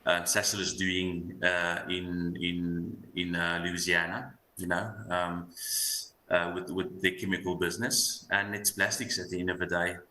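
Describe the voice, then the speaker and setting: Deep-voiced man with broad Afrikaans South African accent. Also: flat delivery, bright, forceful tone. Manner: halting, repeats words as he thinks. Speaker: investment analyst guest. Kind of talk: unscripted market commentary. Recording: roomy echo, light background noise.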